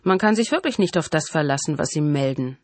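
A woman's voice: sits low, expressive, a little fast, no room sound. A woman voicing a grown male killer who sneers and taunts, savoring his power, in a dry, close reading. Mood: taunting.

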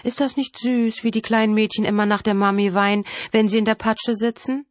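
A woman's voice: on the high side, little pitch movement, brisk, no room sound, voice pushed up, close to an everyday voice. A woman voicing a gloating, taunting male killer. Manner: sneering, taunting, savoring his power.

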